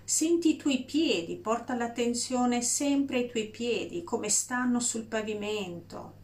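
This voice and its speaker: Slow, soothing woman leading a meditation. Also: fairly high pitch, lively intonation. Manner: slow, soft and soothing, with long pauses. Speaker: meditation guide. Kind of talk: guided breathing meditation.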